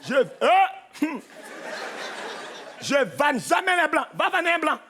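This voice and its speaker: A man's voice: very high-pitched, sing-song, a little slow, sharp tone, slight background noise. A man with a Cameroonian French accent doing live stand-up on a theatre stage, teasing and punchy, talking straight to the crowd. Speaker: stand-up comedian.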